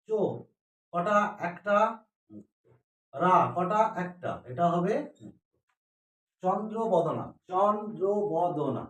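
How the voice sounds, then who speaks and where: High-pitched male teacher, quizzing style, recorded from a distance. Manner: asks questions and answers them himself. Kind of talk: classroom grammar lesson. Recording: echoey room, mic far off.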